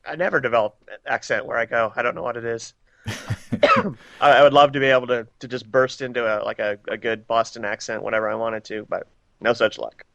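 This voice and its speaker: A male podcast guest with a bright, forward tone. He talks in a relaxed interview style and weighs his points carefully. His voice sits in an ordinary middle range, recorded dry and close. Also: medium pitch, brisk, creaky, no echo. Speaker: magazine editor, podcast guest. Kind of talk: casual interview chat.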